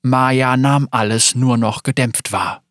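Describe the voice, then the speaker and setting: Slow, measured male storyteller. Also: medium pitch, steady tone, a bit bright, no room sound, studio quality. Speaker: narrator. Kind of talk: scripted storybook narration.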